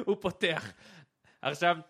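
Bright-voiced young man telling a story. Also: high voice, vocal fry, husky. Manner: animated, laughing storyteller, shouting quoted lines. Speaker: podcast co-host. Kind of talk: casual storytelling chat.

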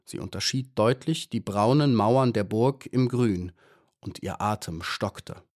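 A man reading a children's audiobook aloud. His voice is fairly low, and he tells the story in a measured, even way. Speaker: audiobook narrator. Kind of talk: scripted narration.

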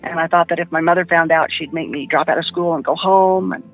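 A woman giving personal testimony about an attack she survived, in a quiet, halting way. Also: on the low side, steady tone. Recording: muffled lo-fi with faint music.

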